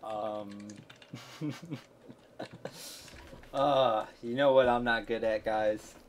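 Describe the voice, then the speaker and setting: Casting: mid-pitched man, casual podcast chatter, laughing a lot, faint background hiss. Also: steady tone, very slow. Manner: laughs often, self-deprecating. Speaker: podcast co-host.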